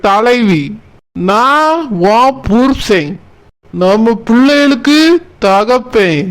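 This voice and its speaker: A man's voice: extremely high pitch, animated, drawn-out words, exaggerated voice. A man voicing a drunken, blustering village husband in a cartoon, slurring and self-important, with a Kanyakumari Tamil accent. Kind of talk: cartoon comedy voice acting.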